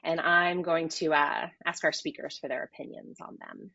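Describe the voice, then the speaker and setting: A woman's voice: sits low, normal speed, creaky, bright, forceful tone, dry recording. A woman moderating a business webinar, introducing speakers and running polls in an upbeat, scripted way. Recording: slightly dull, dry audio.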